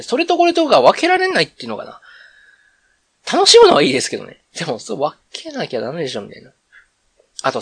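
A man's voice: very high voice, a bit bright, husky, no room sound. A man with a Kansai accent hosting a solo podcast, chatting in a rambling, conversational way and often correcting himself. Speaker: podcast host. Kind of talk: casual solo radio chat.

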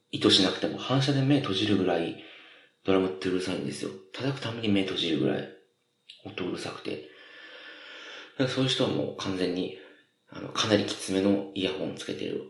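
A man's voice: deep voice, lively intonation, fast talker. A man hosting his own radio podcast, talking casually in a rambling way, often stopping to correct himself. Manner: rambling, self-correcting, chatty. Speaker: podcast host. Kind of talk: casual solo radio talk. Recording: roomy echo.

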